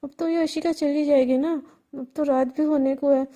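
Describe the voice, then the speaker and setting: A woman voicing a jealous, quick-tempered young woman who talks in snappy, indignant bursts. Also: sits high, fairly even intonation, warm tone, close to an everyday voice. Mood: muttering to herself.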